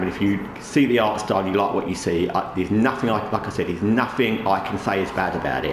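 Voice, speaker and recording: A man hosting a gaming channel in casual, rambling commentary, talking with a towel over his head. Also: fairly low pitch. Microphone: microphone under a towel draped over the head. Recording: roomy echo, faint background noise.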